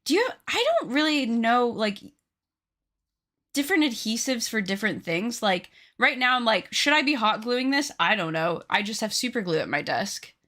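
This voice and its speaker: Her voice leans high, with lively intonation, a moderate pace and a slightly bright quality. A woman in her late twenties, she crafts on a live stream and chats casually with viewers, joking around and teasing herself.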